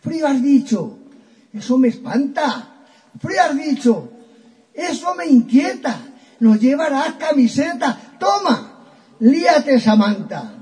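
A man's voice: very high voice, big pitch swings, takes it slowly, darkish tone, full character voice. A man voicing a lovesick young noblewoman who declaims overwrought, mock-tragic verse in a comic poem. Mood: melodramatic.

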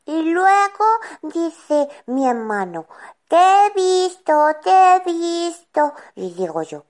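A woman's voice: sits high, big pitch swings, slow pace, heavily acted. A woman voicing a chatty, stubborn little boy who tells a children's-show story and acts out every voice in it. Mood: eager telling. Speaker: child character.

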